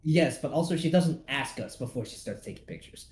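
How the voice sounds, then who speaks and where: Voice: mid-range voice, brisk. A young adult streamer chatting casually, telling a story and acting out the people in it. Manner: animated, acts out quoted people mid-story. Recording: echoey room with faint noise.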